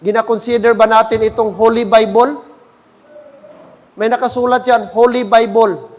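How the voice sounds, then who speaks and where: A man's voice: very high-pitched, level tone, moderate pace. A man preaching a sermon in church, often asking the congregation "Amen?". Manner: preaching with frequent calls for "Amen?". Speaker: pastor.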